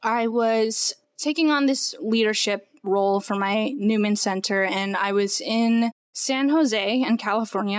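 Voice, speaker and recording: A woman's voice: medium pitch, no echo, studio quality. A young woman, a podcast guest, earnestly telling her personal story with many "like" fillers. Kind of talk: personal testimony in conversation.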